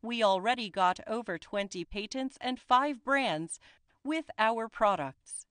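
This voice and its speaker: Woman, corporate voice-over, very slow deliberate delivery, smooth clear voice, dry close sound. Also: fairly high pitch, lively intonation, fairly bright tone, no echo. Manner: slow, careful, deliberate reading. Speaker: company spokesperson.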